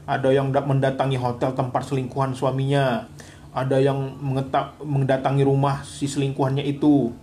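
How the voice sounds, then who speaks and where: A man's voice: mid-range voice, normal speed, a little hiss or hum. A man, a psychologist co-hosting a live Q&A on marriage problems, talking earnestly and animatedly. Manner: earnest, animated, acts out quoted wives and husbands. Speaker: psychologist and co-host.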